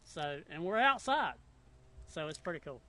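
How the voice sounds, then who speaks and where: A man hosting a casual chat outdoors, laid-back and chuckling, halting often with fillers. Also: on the high side, very animated, bright, forceful tone. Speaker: podcast host.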